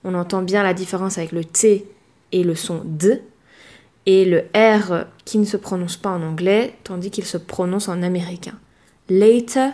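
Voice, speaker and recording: A woman teaching a language lesson, speaking clearly and measuredly, and slowing down to model words. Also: fairly low pitch, fairly even intonation, darkish tone. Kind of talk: explaining a lesson.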